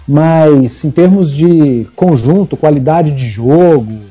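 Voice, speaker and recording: Brazilian male sports panellist, casual, very soft dark tone, faint music behind. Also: fairly high pitch, slow. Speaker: football commentator on a podcast.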